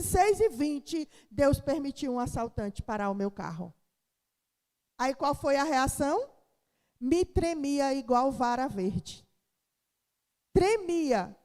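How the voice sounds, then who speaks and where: High-voiced woman pastor in a reverberant hall. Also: a little mellow. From Brazil. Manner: dramatic storytelling, acting out voices. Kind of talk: sermon testimony. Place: church.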